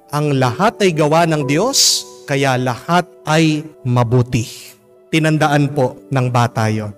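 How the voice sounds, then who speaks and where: Gentle priest telling a homily story. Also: male voice, on the high side. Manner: gentle, polite storytelling with frequent respectful particles.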